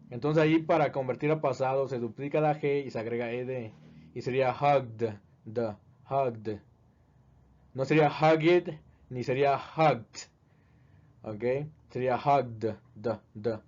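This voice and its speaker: A man teaching in a video lesson, speaking slowly and deliberately and repeating each word as a drill. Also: mid-range voice, darkish tone. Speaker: English teacher. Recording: dull, lo-fi recording.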